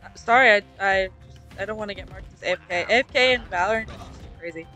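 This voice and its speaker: A woman's voice: mid-range voice, fast talker, sharp tone, faint music behind. A woman chatting casually with a friend over a game, bubbly and helpful, laughing often. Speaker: friend and fellow player. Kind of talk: casual chat while gaming.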